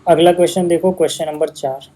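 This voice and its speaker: मधुर आवाज़ में समझाता हिंदी भाषी पुरुष शिक्षक. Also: male voice, on the high side, fairly even intonation, fast, warm tone. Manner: casual, patient explaining with repeated checks. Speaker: maths teacher. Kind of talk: explaining a maths lesson on video.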